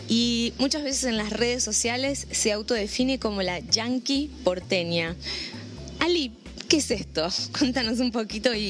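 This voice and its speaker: A woman hosting a relaxed radio interview in a café, chatty and full of small fillers. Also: medium pitch. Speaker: radio show host. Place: vegan café.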